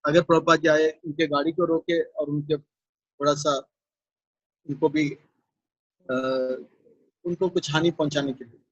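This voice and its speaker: A man's voice: a little high, little pitch movement, husky, no room sound. Man telling a devotional story, dull sound. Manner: unhurried, pausing often with fillers. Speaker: monk storyteller.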